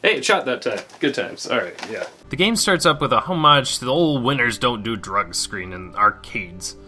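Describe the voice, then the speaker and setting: A man's voice: mid-range voice, very animated, moderate pace, over music. A man narrating a video game review with joking asides and playful commentary.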